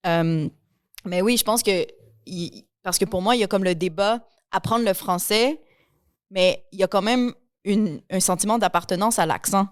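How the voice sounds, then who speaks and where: A young podcast host speaks with a Québécois accent, chatty and eager, often restarting her sentences. Her voice is smooth and clear at a middle pitch. It is recorded close in a dry, quiet room. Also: no echo. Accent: Québécois French. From Quebec. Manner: chatty, quick restarts, enthusiastic. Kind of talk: casual interview conversation.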